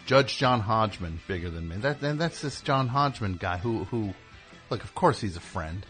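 A man hosting a live radio show, rambling in casual chat with sudden loud yelled bursts. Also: fairly low pitch, expressive, normal speed, faint music behind.

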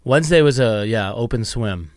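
A young man, a comedian guest, chatting casually in a wry, teasing way that turns animated when he mimics people. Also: mid-range voice, moderate pace, dry recording, studio quality. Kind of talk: casual chat.

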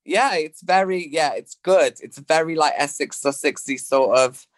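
A man's voice: on the high side, moderate pace, no room sound. A man with a British accent in casual comic chat as a guest, cheeky, sweary and full of slang. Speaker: drag performer, interview guest. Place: at home.

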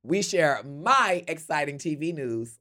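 A man co-hosting a casual comedic podcast, talking loudly in slangy, teasing banter. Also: a little high, lively intonation, measured pace. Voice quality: loud. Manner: playful, teasing banter with slangy drag talk. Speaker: podcast co-host.

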